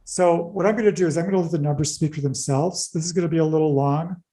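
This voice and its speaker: A man explaining real estate figures in an interview, talking fast through the numbers with wry asides. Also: a little high, steady tone, mellow, roomy sound, low-quality recording. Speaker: commercial real estate advisor.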